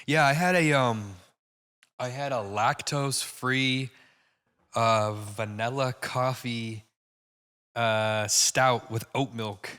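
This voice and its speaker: Young male podcast co-host, crisp and clear, loose and rambling, fillers everywhere, echoey room. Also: mid-range voice, takes it slowly, bright, forceful tone. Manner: rambling, many fillers and restarts, laughs at own jokes. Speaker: podcast co-host and stand-up comic. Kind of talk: casual chat.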